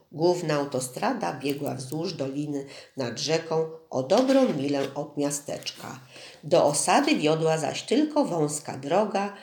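An audiobook narrator reading in a steady, measured way at a middling pitch. The voice carries a roomy echo. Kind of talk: scripted narration.

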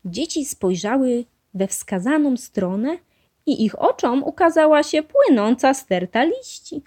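A woman reading a children's storybook aloud in a clear, measured way. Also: high-pitched, very animated, mellow. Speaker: storybook reader.

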